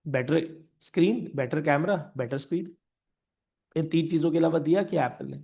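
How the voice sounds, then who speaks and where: A man teaching business in a lively lecture, mixing Hindi with English, repeating key phrases and acting out what companies say. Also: a little high, normal speed, creaky. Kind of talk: animated classroom lecture.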